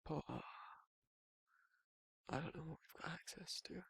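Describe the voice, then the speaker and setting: A male performer voices a protective, fond werewolf boyfriend for ASMR roleplay, down-to-earth, gentle and caring, in an exaggerated voice. He murmurs softly and intimately in casual, colloquial speech with soft chuckles, his tone slightly high for a man but husky, breathy, gravelly and very creaky, often sinking to a whisper. His pace is measured, and there is no echo.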